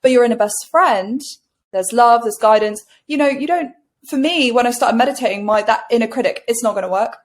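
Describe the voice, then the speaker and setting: A woman coach in a casual interview, bubbly and animated, with a casual swear now and then. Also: on the high side, fairly quick. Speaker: guest coach.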